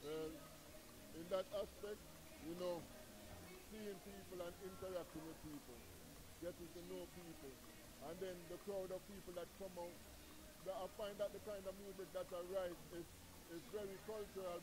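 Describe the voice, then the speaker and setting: A man's voice: high-pitched, steady tone, brisk, poor audio. A middle-aged man from Trinidad and Tobago with a Caribbean patois accent, a reggae artist giving an earnest, preachy interview in a music lounge on a handheld mic. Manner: earnest, preachy, repeats "you know what I mean". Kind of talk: interview at a venue. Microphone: handheld mic held by interviewer.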